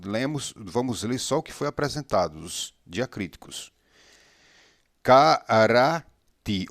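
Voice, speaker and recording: A man teaching Hebrew reading step by step. He is patient, sounds out syllables slowly and keeps checking in with the listener. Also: fairly low pitch, dry recording, clean studio sound.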